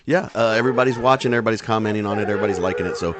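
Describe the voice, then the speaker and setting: A man's voice: on the low side, rapid-fire, over a noisy crowd. A man co-hosting a podcast in casual banter, laid-back and rambling, full of jokes. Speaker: podcast co-host.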